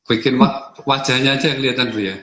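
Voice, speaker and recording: A man's voice: mid-range voice, steady tone, quick pace, pushed and bright. A man hosting an online interview, asking short questions and murmuring agreement. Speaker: host. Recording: muffled online call audio.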